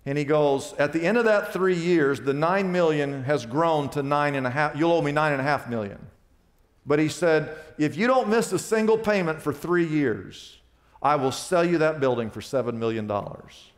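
A pastor telling a story in a sermon, animated and rising to loud excited peaks. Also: male voice, fairly high pitch, moderate pace. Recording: long reverb of a large hall.

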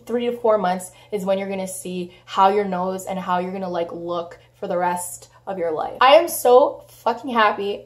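Young woman, hoarse from a cold, casual vlog to camera, blunt, chatty, swears a lot, mid pitch. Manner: frank and chatty, with frequent swearing and "like" fillers. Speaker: vlogger.

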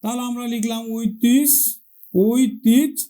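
A man teaching a lesson, patiently asking questions, answering them himself and repeating words slowly for pronunciation drills. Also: high-pitched, mellow. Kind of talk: classroom-style lesson.

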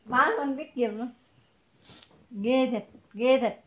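High-voiced woman hawking clothes on a livestream. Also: echoey room, highs cut off. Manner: brisk, calling out prices to viewers. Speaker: online clothing seller. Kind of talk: livestream sales pitch.

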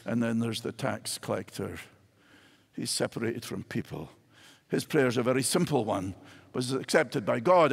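Standing on a church stage and gesturing widely, an older Scottish pastor preaches to his congregation. His medium-pitched voice is creaky and husky, echoing with the hall reverb of a large church.

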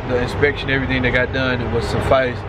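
A man's voice: mid-range voice, little pitch movement, fast talker. A man in his thirties, a truck driver vlogging casually to a phone camera at arm's length, rambling and thinking aloud. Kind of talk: casual vlog talk to camera. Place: truck cab and outdoors at a warehouse. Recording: loud road and vehicle noise.

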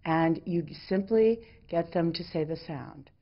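A woman's voice: on the low side, a little slow, highs cut off. A woman educator explaining a teaching method in an interview, in a reassuring, plainspoken way.

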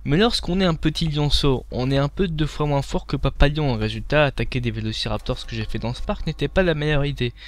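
Animated French man commenting gameplay. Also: on the high side, brisk, hardly any pauses. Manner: animated, swears and taunts enemies while playing. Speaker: game reviewer.

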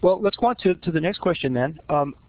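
A man conducting an interview, asking questions in a measured way with pauses. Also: fairly high pitch, lively intonation. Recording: dull lo-fi recording.

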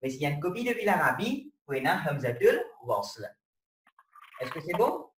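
A man leads an online lesson, walking through each step and checking that everyone follows. His pitch rises and falls a great deal, and he sounds distant in an echoey room with faint hiss behind him. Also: sing-song, fast. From Mauritius. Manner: explains step by step, keeps checking students follow. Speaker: Arabic teacher. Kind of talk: online class lecture. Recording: roomy, distant with faint noise.

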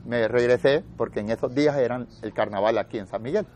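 A man in his sixties with a Salvadoran accent, an army veteran telling his story lively and acting out the voices of others. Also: medium pitch, fast talker, slight background noise. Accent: Salvadoran Spanish. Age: 60s. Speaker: war veteran interviewee. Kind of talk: spoken war memoir.

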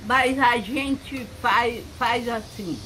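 A woman in her nineties with a rural Brazilian accent, chatting casually in an animated, exclaiming way. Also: a little high, very slow. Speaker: elderly villager being visited. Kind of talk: casual chat. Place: open porch and kitchen of a rural house. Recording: noisy handheld outdoor recording.

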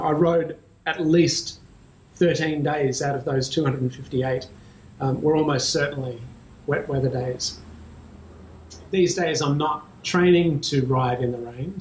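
A man in his thirties with an Australian accent, talking casually to camera about cycling, relaxed and chatty with frequent ums, in a small garage with bikes. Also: medium pitch, measured pace, a little hiss or hum. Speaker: cycling vlogger. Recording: echoey small room, faint ambience.

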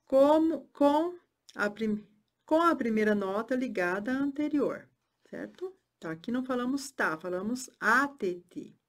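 A woman teaching music theory, speaking clearly and chanting rhythm syllables. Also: a little high, expressive, moderate pace. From Brazil.

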